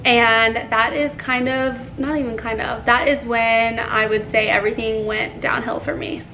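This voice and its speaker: Twenty-something girl vlogging, chatty and sorry, says like a lot, kinda high voice. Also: level tone, unhurried, sharp tone, faint music behind. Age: 20s. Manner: chatty, filler-heavy with frequent "like"; earnest, apologetic. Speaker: YouTuber. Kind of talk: casual confessional vlog.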